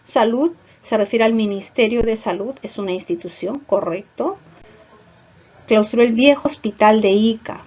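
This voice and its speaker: A woman's voice: on the high side, moderate pace, a little mellow. A woman teaching a class, explaining each point step by step and checking in with her students. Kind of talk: online class lecture. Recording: dull lo-fi recording.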